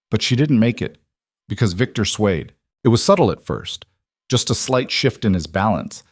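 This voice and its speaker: Male story narrator, low voice, dry close sound, dramatic reading. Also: a little mellow, no echo. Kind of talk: scripted narration.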